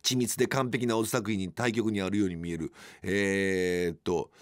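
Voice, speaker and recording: A man's voice: low voice, steady tone, normal speed. A man in his fifties with a Kansai accent, hosting a casual radio show from a studio, telling stories and often laughing mid-sentence. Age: 50s. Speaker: radio host.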